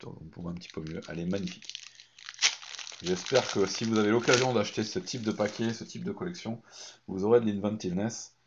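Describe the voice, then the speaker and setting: A hoarse man chatting excitedly through a card pack opening, hesitating often between remarks. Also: fairly low pitch. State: hoarse, lost voice from shouting. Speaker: card collecting YouTuber. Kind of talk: unboxing commentary. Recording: dull lo-fi recording.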